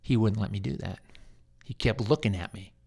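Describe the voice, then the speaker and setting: A man's voice: lowish voice, brisk, creaky, darkish tone, slightly rough. A man, a hospice chaplain, telling a long story in an earnest, rambling way, repeating words as he goes. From United States. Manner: earnest and pastoral. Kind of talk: storytelling in a faith interview.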